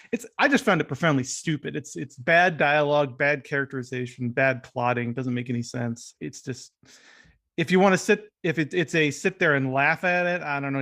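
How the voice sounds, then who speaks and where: A man with a slightly bright, mid-range voice co-hosts a film podcast as a critic. He chats conversationally about movies, often restarting sentences and hedging.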